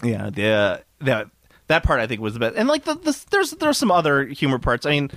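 A man chats casually about movies, rambling and laughing often as he restarts his sentences. His voice sits at a middle pitch. The sound is dry and close. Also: very animated, brisk, fairly bright tone, dry recording.

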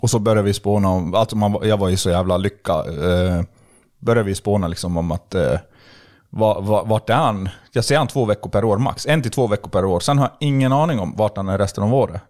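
A young man telling a story in a casual podcast chat, animated and full of fillers and restarts. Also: fairly low pitch. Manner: animated, acts out dialogue, lots of fillers and restarts. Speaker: podcast guest.

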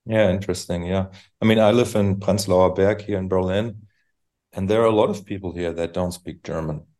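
A man hosting a podcast interview, relaxed and conversational, nudging his guest along with short acknowledgements. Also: sits low, normal speed. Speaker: podcast host. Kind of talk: casual interview.

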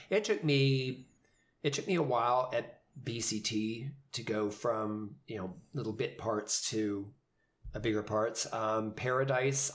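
A man who directs community theater, talking casually in a podcast about coaching new actors, with many fillers and restarts. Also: lowish voice. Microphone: headphones and studio mic.

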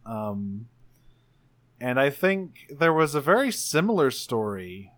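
A man who plays tabletop games and podcasts improvises a story in a role-playing game, chatting in a casual, playful, joking way. His medium-pitched voice moves through big pitch swings at a slow pace.

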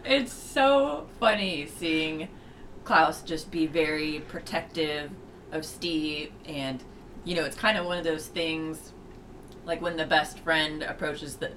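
Gushing podcast co-host, middle pitch. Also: a bit bright, slight background noise. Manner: short agreeing replies, gushing and laughing. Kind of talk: casual film discussion.

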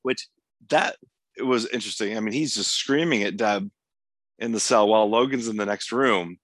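A man's voice: fairly low pitch, normal speed, a bit bright, no room sound. A man co-hosting a podcast, recapping the plot of a TV episode in long, casual runs and laughing easily. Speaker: podcast co-host.

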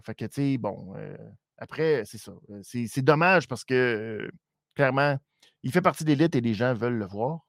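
A man with a Quebec French accent recapping a wrestling show in casual live-stream commentary, animated and mock-dramatic, with frequent hesitations. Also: on the high side, creaky, no room sound, clean studio sound.

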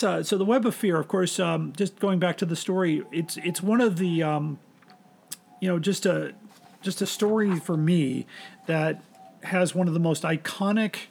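A man's voice: a little high, gravelly, a little mellow, slightly rough. A man hosting a casual podcast, rambling and hesitant with many restarts. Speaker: podcast host.

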